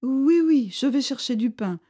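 A woman's voice: medium pitch, animated, a little slow, mellow, close to an everyday voice. A woman voicing a frightened, timid peasant man who talks nervously and pleads.

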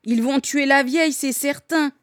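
A woman's voice: on the high side, moderate pace, a little mellow, no echo, studio quality, lightly acted. A woman voicing a stern male rebel leader who barks curt orders and grumbles. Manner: barking curt commands, grumbling.

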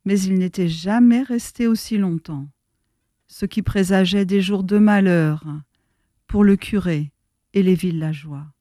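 Slow, solemn woman storyteller. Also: mid-range voice, warm tone, dry recording, studio quality. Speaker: narrator. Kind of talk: storybook reading.

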